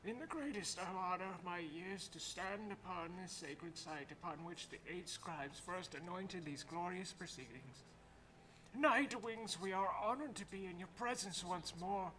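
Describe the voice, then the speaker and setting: A man's voice: sits high, unhurried, sharp tone, a little hiss or hum, pitched above the performer's own voice, rough recording. A man voicing a bent old man, a formal and courteous elder, while reading game dialogue aloud with stately, old-fashioned speech.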